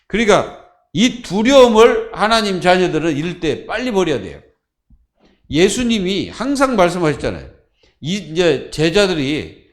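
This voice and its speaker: A man preaching a Friday sermon as pastor, asking the congregation questions and answering them himself. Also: a little high.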